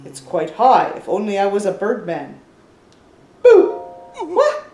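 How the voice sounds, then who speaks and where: Older woman, gameplay commentary, chatty, explanatory, middle pitch, echoey room. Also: animated, normal speed, a little mellow, faint music behind. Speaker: gaming channel host. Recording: roomy echo.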